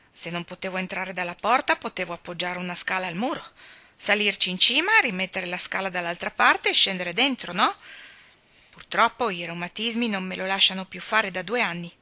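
A woman's voice: mid-range voice, animated, normal speed, pushed and bright. A woman reading aloud and voicing a loyal, plain-spoken old male gardener in an audiobook of a children's novel. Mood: earnest.

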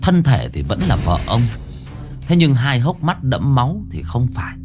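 A man's voice: medium pitch, big pitch swings, moderate pace, darkish tone. A man narrating a scripted ghost story in a dramatic, suspenseful way. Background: faint background music.

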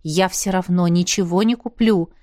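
A man's voice: sits high, fairly even intonation, moderate pace, a little mellow, no room sound, clean studio sound, close to an everyday voice. A woman reading an audiobook, voicing a stern, curt male dragon colonel. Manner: curt, commanding. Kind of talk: audiobook character voice.

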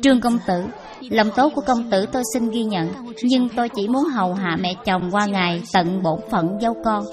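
A young woman voicing a devoted, gentle widowed daughter-in-law who speaks softly and humbly. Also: mid-range voice, normal speed, music in the background, close to an everyday voice. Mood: firm, polite. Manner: soft, pleading, humble.

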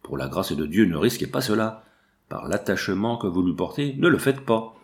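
A man's voice: low-pitched, lively intonation, normal speed. A man voicing a jealous young male hunter, speaking earnestly and urgently. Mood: pleading.

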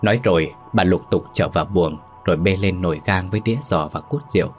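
A man narrating a ghost story in a steady, solemn manner. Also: low-pitched, fast, faint music behind.

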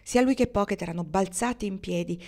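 A woman reading a literary novel aloud as an audiobook narrator, measured and expressive. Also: medium pitch. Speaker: audiobook reader.

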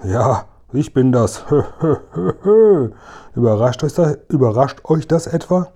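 A man voicing a gruff, greedy male robber who growls and mutters to himself in a storybook reading. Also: mid-range voice, moderate pace, warm tone, close to an everyday voice. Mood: gloating.

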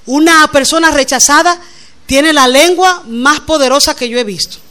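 A middle-aged woman, a preacher and pastor's wife, delivers a conversational sermon in a high, bright, clear voice at a moderate pace. She is animated and often laughs while telling her stories.

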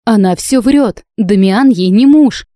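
A spiteful witch, put on by a woman reader shrieks accusations in a high, strained voice. Her tone is mellow underneath, the recording dry. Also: normal speed, dry recording, lightly acted. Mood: shrieking.

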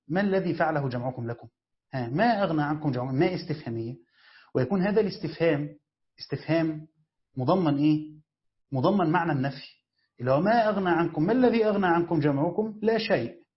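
A man's voice: a little high, expressive, fast. A man with an Egyptian accent teaching a classroom lesson on Quran exegesis, quizzing listeners and then answering his own questions. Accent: Egyptian Arabic. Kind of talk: classroom lesson, explaining grammar. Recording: dull lo-fi recording.

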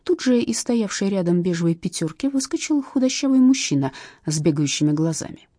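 A woman's voice: medium pitch, very animated, fairly quick, dark tone, no echo, clean studio sound. A woman narrating a detective novel as an audiobook, reading expressively. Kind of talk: scripted narration.

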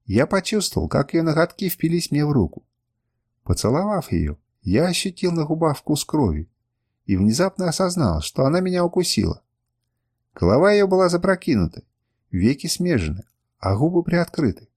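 A man narrating a first-person audiobook in a measured, expressive reading. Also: on the high side, husky.

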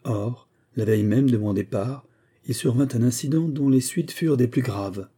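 A man narrating an audiobook in the first person, reading in a steady, measured way. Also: medium pitch, breathy edge.

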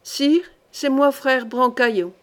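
A woman voicing a rough, blustering man posing as a hermit monk, in an audiobook reading. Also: sits high, slow.

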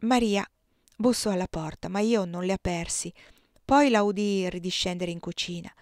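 Woman reader narrating a novel; measured and expressive, with a close, dry sound. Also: mid-range voice, no room sound. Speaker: audiobook reader. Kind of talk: scripted audiobook narration.

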